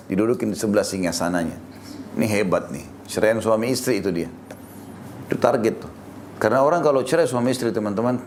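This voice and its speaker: A man preaching a sermon in a lively, animated way, speaking directly to his listeners as friends and leaping up in pitch to stress a point. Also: slight background noise. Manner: lively, animated delivery with sudden rises in pitch for emphasis.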